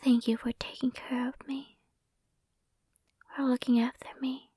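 Sweet and affectionate, a young woman whispers an intimate ASMR roleplay into a close, sensitive microphone. She speaks slowly and evenly with little pitch movement, her voice breathy, mellow and a little high. No room sound is present; the audio is dry.

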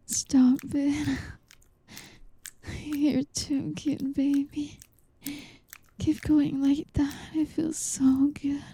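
A young woman in an intimate whispered roleplay, softly teasing and coaxing with a breathy voice, close to the mic. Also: high voice, no echo. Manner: teasing, coaxing, soft-spoken. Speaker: audio roleplay performer.

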